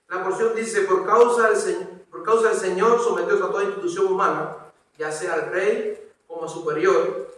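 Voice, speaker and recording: This Cuban man has a fairly bright, somewhat high voice and delivers an expository sermon with scripture reading, often repeating words as he rephrases. He speaks in a church hall, recorded from a distance in an echoey room.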